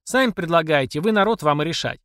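A man's voice: on the high side, lively intonation, fast talker, a bit bright, no echo, voice pushed up. A man voicing an outspoken older village woman who scolds and rallies a crowd in a folksy way. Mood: scolding.

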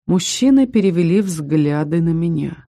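A woman reading a first-person fantasy audiobook. Her voice is warm and mellow. Her storytelling is even and heartfelt. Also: on the low side, moderate pace, dry recording, clean studio sound. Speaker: audiobook narrator.

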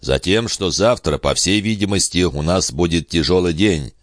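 A gruff, grave older farmer, as a male audiobook reader voices him. He speaks tersely in a very low voice, stern and grumbling. The recording is dry and close. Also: moderate pace, dry recording, close to an everyday voice.

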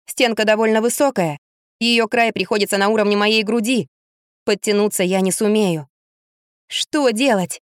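A woman reading a first-person story aloud in an expressive, lively storytelling manner. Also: mid-range voice, clear, resonant tone, no room sound, studio quality. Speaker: narrator.

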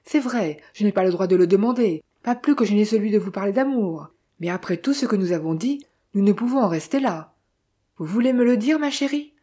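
A woman reading the part of a proud gentleman thief in love, speaking in an earnest, insistent way. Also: mid-range voice, lively intonation, a little fast, natural voice.

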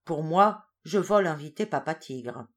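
A woman's voice: low voice, expressive, normal speed. A woman reading a storybook, voicing a regal, commanding queen of the birds in a haughty manner.

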